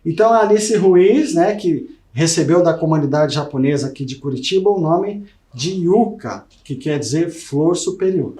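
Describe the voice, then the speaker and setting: In a recorded video lesson, a Brazilian man speaking with a Brazilian Portuguese accent explains material to his students, addressing them directly and checking in often with frequent "né?". His fairly high, expressive voice has a warm tone and a moderate pace with hardly any pauses, and the sound is roomy.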